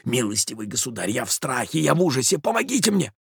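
Male reader voicing a frantic, whining jealous gentleman, gravelly edge. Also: mid-range voice, big pitch swings, fast, no room sound, studio quality, full character voice. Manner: panicky, whining. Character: flustered jealous middle-aged man hiding.

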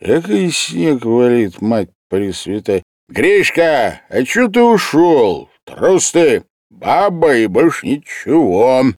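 A man voicing an indignant drunk male artist who shouts in a shrill, high voice. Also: very animated, takes it slowly, dry recording, studio quality, exaggerated voice. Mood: tipsy grumbling.

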